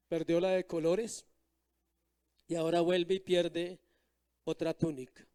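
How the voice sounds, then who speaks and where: A man preaching from the pulpit, his voice pitched high yet mellow and dark in tone. He reads scripture aloud and keeps turning to the congregation with rhetorical questions, answering them himself. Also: clean tone. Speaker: pastor. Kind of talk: sermon.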